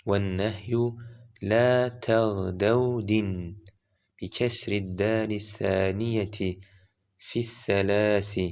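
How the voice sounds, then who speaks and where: A man recites an Arabic grammar book for an audiobook, working through verb forms one by one and spelling out their vowel marks. His voice sits somewhat low and sounds smooth and resonant. He reads very slowly and deliberately. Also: darkish tone. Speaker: audiobook reader.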